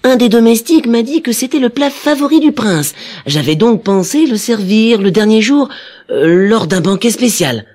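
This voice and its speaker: A man's voice: high voice, big pitch swings, normal speed, a little mellow, pitched above the performer's own voice. A man voicing an anxious, humble dwarf cook in a children's story, with a raised, pleading tone. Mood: worried. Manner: pleading, worried.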